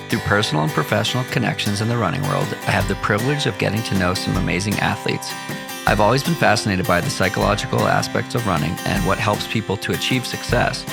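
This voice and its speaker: A low, gravelly male voice hosts a running podcast with loud music playing underneath. He reads scripted ad copy in a measured, even way. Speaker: podcast host.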